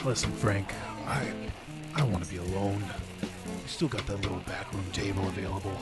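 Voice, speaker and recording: An actor playing a weary, guarded police detective who talks tersely and hesitantly in an old-time radio drama. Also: male voice, low-pitched, normal speed, close to an everyday voice. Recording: loud music bed under the voice.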